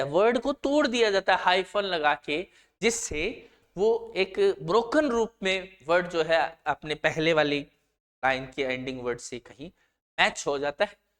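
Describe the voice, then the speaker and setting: Slow, low-voiced Indian woman teacher. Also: fairly bright tone. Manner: reads English definitions slowly word by word, then explains in Hindi. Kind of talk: exam-prep lecture.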